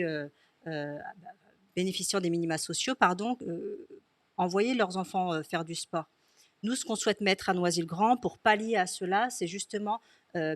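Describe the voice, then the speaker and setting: A woman's voice: fairly low pitch, no echo. A woman who is a municipal candidate, speaking in a hesitant way and often correcting herself. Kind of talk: political discussion.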